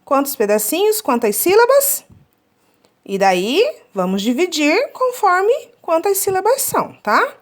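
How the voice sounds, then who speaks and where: A woman's voice: very high-pitched, sing-song. A woman teaching a children's lesson, drawing words out syllable by syllable and often checking in with her class. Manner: slow, drawn-out syllable counting.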